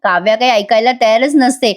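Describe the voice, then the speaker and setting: A woman's voice: on the high side, brisk. A woman narrating a voice-over recap of a TV serial, retelling scenes. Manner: animated retelling, acts out character lines.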